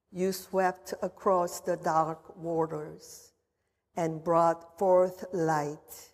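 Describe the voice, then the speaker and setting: A woman pastor leading a confirmation service in a formal, measured liturgical manner, her voice carrying a long cathedral-like echo. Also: lowish voice, darkish tone. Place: church sanctuary. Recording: voice in a reverberant church.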